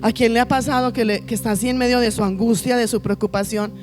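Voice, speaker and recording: Woman pastor, high voice, sermon with faint music underneath; rhetorical, repetitive delivery. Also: steady tone, quick pace, darkish tone. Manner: preaching with repeated lists and rhetorical questions to the congregation.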